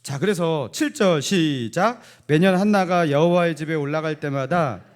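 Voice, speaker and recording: A man's voice: on the high side, normal speed. A middle-aged man preaching a Sunday sermon in a church, asking the congregation playful either-or questions and chuckling between points. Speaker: pastor. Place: church sanctuary.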